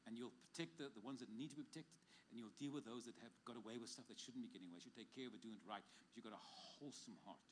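A man in the middle of a church service, giving personal prophetic words to people in the congregation. He talks at a rapid clip, emphatic, with quick jokes along the way. A faint hum of the room sits under his voice. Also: medium pitch. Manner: fast, emphatic, joking asides.

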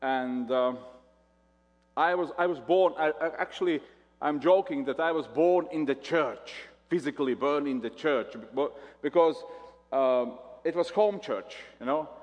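A man with a Latvian accent preaches as a visiting pastor, his voice sitting a little high for a man. He speaks haltingly, circling back over his words as he goes. The sound carries a long echo from a church hall. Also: highs cut off. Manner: halting, repeats words often. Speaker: guest pastor. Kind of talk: sermon.

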